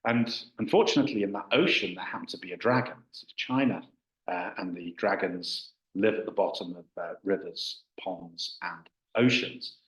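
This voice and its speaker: A man's voice: low voice, normal speed. A man, a Buddhist teacher, giving a dharma talk in a hesitant manner with frequent fillers and restarts. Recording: echoey hall.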